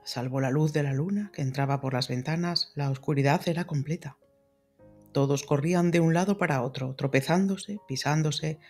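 A man reading a classic novel aloud as an audiobook narrator, in a measured, dramatic style. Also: fairly high pitch, a little mellow, faint music behind. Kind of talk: scripted literary narration.

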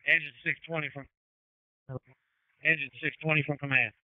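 A man's voice: a little high, flat delivery, normal speed, no echo. A man giving terse, procedural orders as an incident commander over a crackly, military-style emergency radio. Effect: crackly two-way radio. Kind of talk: emergency radio dispatch traffic. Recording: phone-like crackly fire radio scanner audio.

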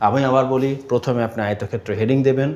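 A man's voice: mid-range voice, steady tone, very fast, darkish tone, reverberant. A man teaching a math lesson patiently, repeating key terms and asking questions before he answers them. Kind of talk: classroom-style math lesson.

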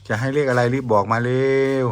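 A man with an Isan Thai accent and a mid-pitched voice talks casually and coaxingly. He repeats short questions insistently, as a video host would. There is light noise in the recording. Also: fairly even intonation, fast. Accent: Northeastern Thai (Isan). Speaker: video host talking to a pet bird.

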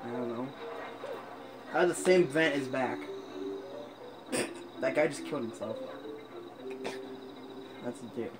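A man's voice: medium pitch, slow pace, long pauses, rough recording. A young man chatting casually while playing a video game, self-mocking and jokey. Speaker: gamer. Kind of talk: casual let's-play chatter. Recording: loud game music behind voice.

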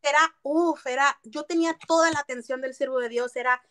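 A woman recounts her past to an interviewer in an earnest, storytelling way. Her voice sits a little high, and she drops English phrases into her speech. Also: fairly even intonation, brisk, a bit bright. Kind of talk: personal testimony in an interview.

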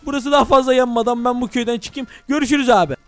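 A young man narrating a Minecraft let's-play to his viewers, excitable and full of exclamations. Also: extremely high pitch, rapid-fire, no room sound. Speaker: gaming YouTuber.

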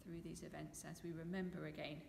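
Leading the service in a stone church, a British vicar gives her congregation the notices in a low, creaky, slightly mellow voice, flat and brisk. Long reverb fills the echoey space, with some faint noise.

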